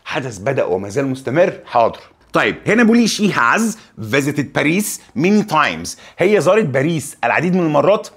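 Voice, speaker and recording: A young man with an Egyptian Arabic accent teaching an exam review lesson. He reads the English examples slowly and teases the students with joking asides. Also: a little high, sing-song, fairly bright tone, breathy edge.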